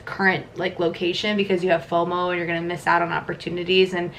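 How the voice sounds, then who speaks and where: A woman's voice: fairly low pitch, level tone, fast talker, fairly bright tone, a little hiss or hum. A woman in her twenties chatting casually at home through a makeup vlog, filling her talk with "like". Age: 20s. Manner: chatty, many "like" fillers. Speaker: vlogger. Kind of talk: casual vlog chat during a makeup routine.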